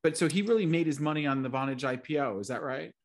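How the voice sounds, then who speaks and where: Male podcast host, quick and chatty, reels off tech jargon. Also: a little high. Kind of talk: podcast interview.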